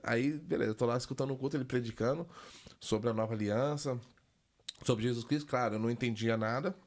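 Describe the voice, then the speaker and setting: A young adult man telling a personal story in a conversational way, animated and acting out the voices of the people in it. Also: medium pitch, fast. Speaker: guest giving a testimony.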